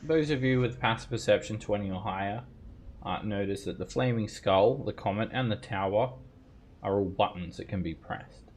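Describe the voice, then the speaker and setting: A man running a tabletop role-playing game, narrating scenes in a measured, descriptive way. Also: lowish voice, darkish tone. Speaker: game master.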